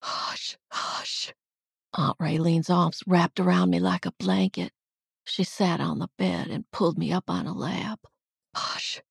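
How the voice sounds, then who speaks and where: Brief: expressive audiobook narrator, a woman with a low, husky voice, dry close recording. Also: moderate pace, dry recording. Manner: expressive, dramatic reading. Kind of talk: first-person audiobook narration.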